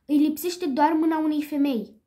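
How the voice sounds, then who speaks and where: A woman's voice: sits high, steady tone, lightly acted. A woman voicing a refined, gracious mother cat in a read-aloud storybook. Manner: soft, gracious.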